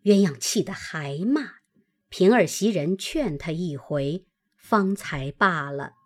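A woman reading a classic novel aloud as narrator, in an expressive, measured manner. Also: on the low side.

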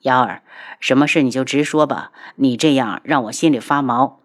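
A woman voicing a heartbroken young nobleman who pleads in a low, subdued voice. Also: moderate pace. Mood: pleading.

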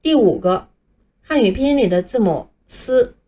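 A woman whose first language is Chinese leads a scripted English lesson. She explains each letter patiently and says it clearly for learners to repeat. Her voice sits a little high but has a soft, mellow tone. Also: expressive, moderate pace. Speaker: English teacher. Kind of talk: scripted teaching narration.

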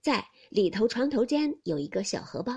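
A shrewd young mistress of a great house, voiced by a woman reader. She rattles off brisk orders with lively, animated pitch and a breathy edge. A figure in an audiobook. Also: exaggerated voice. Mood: commanding. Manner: brisk, bossy, quick orders.

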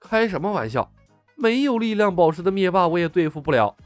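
A man's voice: sits high, big pitch swings, brisk, no echo, soft background music. A man voicing a sullen, exasperated young man who answers bluntly. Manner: grumpy, blunt.

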